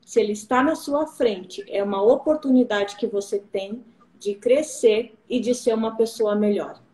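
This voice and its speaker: A woman's voice: a little high, moderate pace, dark tone. A woman guest in a casual live-stream conversation, talking in an earnest, encouraging way and quoting scripture. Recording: roomy live-stream audio.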